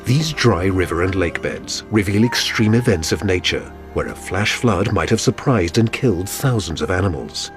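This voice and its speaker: A man's voice: deep voice, lively intonation, moderate pace, hardly any pauses, soft background music. A man reading scripted documentary narration in a dramatic manner.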